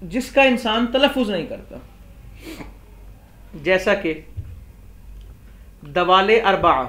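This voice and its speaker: A man's voice: high voice, lively intonation, fairly bright tone. A man with a Pakistani Urdu accent, teaching a classroom grammar lesson and explaining step by step as he raises and answers objections. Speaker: Islamic scholar teaching Arabic grammar.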